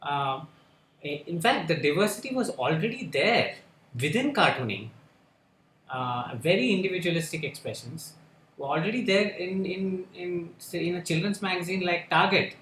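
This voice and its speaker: A man speaking on a panel discussion, halting and full of fillers and restarts. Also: high-pitched, expressive, a bit bright. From India. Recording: echoey room with faint ambience.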